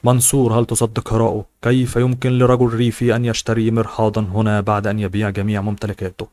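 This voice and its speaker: A man's voice: on the low side, monotone, quick pace, a little mellow, lightly acted. A man voicing a scornful, mocking middle-aged aunt in an audiobook.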